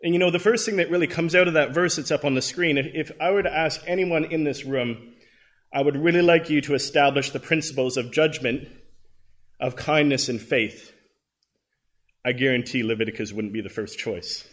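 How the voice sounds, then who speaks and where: A man's voice: a little high, normal speed, fairly bright tone. A man in his thirties from Canada with a Canadian accent, giving an earnest, conversational Bible class talk with frequent ums and restarts. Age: 30s.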